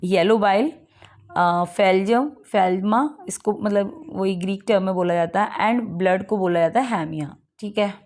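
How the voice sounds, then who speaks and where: A woman teacher with a mid-range, darkish voice explains English literary terms for an exam. She reads definitions slowly, then goes over them in a mix of Hindi and English, asking many rhetorical questions.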